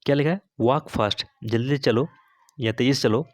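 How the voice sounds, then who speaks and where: A man with an Indian accent and Hindi as his first language, teaching a spoken English lesson. He keeps asking "okay?" and reads English example sentences out very slowly. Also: mid-range voice, no room sound, clean studio sound. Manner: repeats "okay?" and quizzes the viewer, drawing out English sentences slowly.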